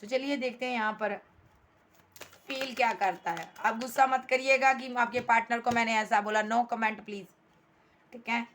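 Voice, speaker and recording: A woman reading tarot cards for her viewers in a blunt, emphatic way. Her voice sits a little high. She scolds the absent partner and keeps reassuring the listener. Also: normal speed, fairly bright tone, a little hiss or hum. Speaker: tarot reader.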